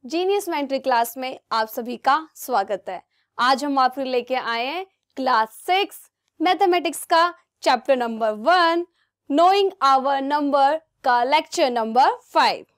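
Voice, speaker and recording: A woman's voice: high voice, animated, slow. A young woman teaching a math lesson to children, coaxing the class with constant check questions. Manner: asks many check questions, coaxing and repetitive.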